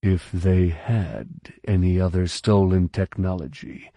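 Narrator voicing a cold, slow-spoken colonel, low and measured, dry close sound. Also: male voice, no echo, heavily acted. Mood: cool, controlled. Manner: slow, deliberately calm and measured. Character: calm, cold male military colonel.

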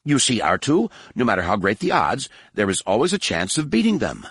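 A man's voice: lowish voice, huge pitch swings, fairly quick, a bit bright, breathy edge, dry recording, full character voice. A man reading an audiobook voices a fussy, anxious male protocol droid with prim, butler-like formality. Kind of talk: audiobook narration.

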